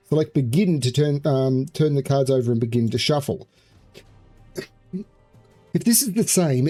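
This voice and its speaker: Mellow-voiced man narrating a video game. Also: fairly high pitch. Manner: switches between storyteller reading and offhand remarks. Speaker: gaming video player. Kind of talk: game commentary, reading on-screen story text aloud.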